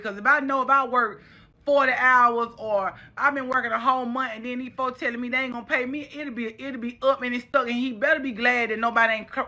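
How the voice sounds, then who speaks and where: A woman's voice: high-pitched, sharp tone, muffled recording. A woman with a Southern US accent giving an impassioned, casual social media rant, scolding and repeating phrases for emphasis.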